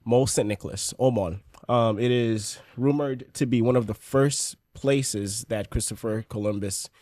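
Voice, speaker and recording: A man's voice: medium pitch, normal speed, darkish tone, dry recording, studio quality. A man in his forties from Haiti, a podcast guest telling his story in an easygoing way. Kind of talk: casual interview.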